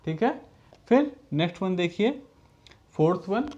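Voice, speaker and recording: A man's voice: high-pitched, expressive, unhurried, a little mellow. A man teaching a school lesson to children, patiently reading English sentences out word by word and repeating them. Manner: addresses the pupils as children. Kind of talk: recorded classroom lesson. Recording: dull lo-fi recording.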